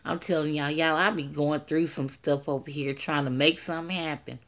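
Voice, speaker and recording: An older woman with a deep, steady voice livestreams from home through her tablet's built-in mic, speaking at normal speed. She chats casually and rambles, greeting viewers and laughing at herself.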